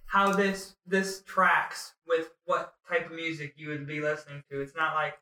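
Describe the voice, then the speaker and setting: A man's voice: a little high, fairly even intonation, normal speed, bright, forceful tone, far from the mic. A young man hosting a casual chat, interviewing a guest in an informal way. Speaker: podcast host, interviewer. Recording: echoey room, away from mic.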